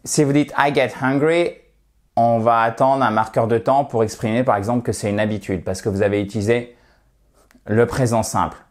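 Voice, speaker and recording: A man, an English teacher, giving an online language lesson in a playful way. He stretches out words slowly for pronunciation drills and swings his voice high and low for emphasis. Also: fairly even intonation. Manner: jumps between high and low tones for emphasis.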